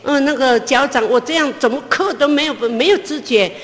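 A mother recounting a personal testimony, stopping and restarting, her voice rising as the tension returns. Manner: pauses and restarts, pitch climbs as she relives the tension. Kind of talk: emotional spoken testimony. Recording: long hall reverb.

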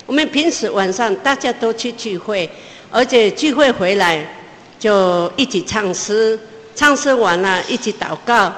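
A mother recounting a personal testimony, stopping and restarting, her voice rising as the tension returns. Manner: pauses and restarts, pitch climbs as she relives the tension. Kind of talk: emotional spoken testimony. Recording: long hall reverb.

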